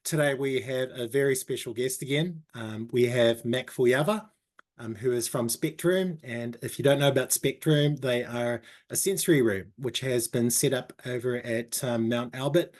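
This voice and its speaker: A man's voice: medium pitch, moderate pace, a little mellow. A man co-hosting a casual talk show, his voice in a middle range. He keeps an upbeat, chatty manner. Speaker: podcast co-host.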